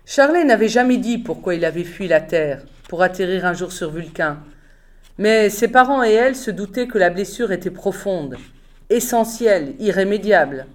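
A woman reads a novel aloud in a calm, measured voice. Her narration is steady and clear. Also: mid-range voice. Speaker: audiobook reader.

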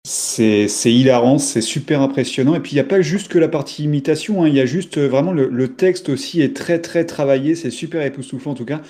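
A man's voice: mid-range voice, brisk, hardly any pauses, dark tone. A man hosting a comedy show, upbeat as he links the segments. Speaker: host.

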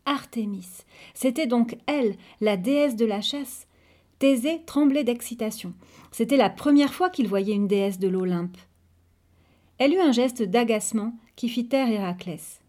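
A woman reads a children's adventure tale aloud with a warm, mellow voice pitched a little high. Her delivery is expressive and measured, like a storybook narration.

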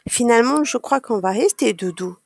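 A woman voicing a small, excited little girl starting preschool, in a high childlike voice. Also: normal speed, vocal fry, breathy edge, no room sound, clean studio sound, heavily acted. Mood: hushed.

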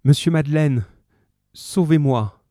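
A man's voice: fairly high pitch, slow, mellow, no room sound, clean studio sound, voice pushed up. A man voicing a dying young mother who cries out in raised, pleading tones. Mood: desperate.

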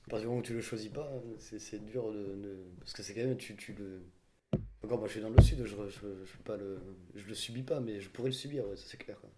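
A man in his twenties from southern France, answering interview questions in a relaxed, chatty way with frequent restarts. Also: on the low side, fast talker, a little hiss or hum. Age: 20s. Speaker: young worker interviewee.

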